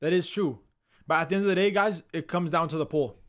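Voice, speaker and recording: Fast and fairly bright, this young man's high-leaning voice carries his live stream from Canada. As host, he banters energetically with viewers in casual, slang-heavy, repetitive chatter.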